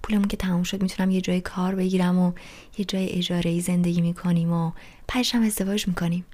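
A woman voicing a restless teenage boy who rants loudly about everything in an audiobook reading. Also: on the low side, little pitch movement, lightly acted. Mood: pleading. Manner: loud, rushed, ranting complaints.

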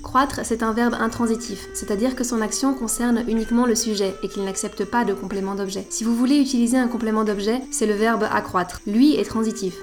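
Woman, podcast host, bright higher voice, playful teacherly read, faint music under. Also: steady tone, brisk, few pauses. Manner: playful, didactic, teasing asides. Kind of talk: scripted educational podcast.

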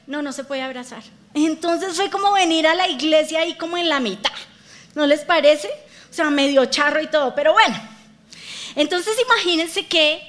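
High-voiced woman preaching. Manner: animated storytelling, talks straight to the congregation. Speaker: pastor. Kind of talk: lively sermon with acted-out dialogue. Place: church.

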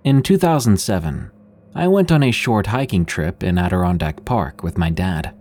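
A man's voice: deep voice, lively intonation, normal speed, darkish tone. A man hosting and narrating scripted scary stories in an ominous late-night radio manner, with music behind him. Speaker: host and narrator. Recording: music under the voice.

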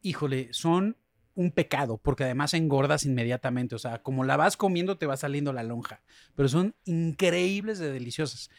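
A man with a Mexico City accent chats as a podcast guest, telling easygoing stories with filler words. His voice sits a bit higher than most men's. The recording is dry and close. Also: moderate pace, no echo. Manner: relaxed storytelling with fillers. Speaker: singer-songwriter guest. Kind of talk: casual chat.

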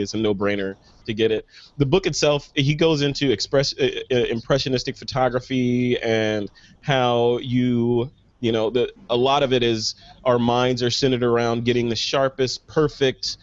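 A man's voice: mid-range voice, no echo, dull audio. A man hosting a podcast over a video call, talking in a casual, upbeat way with frequent fillers. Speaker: podcast host.

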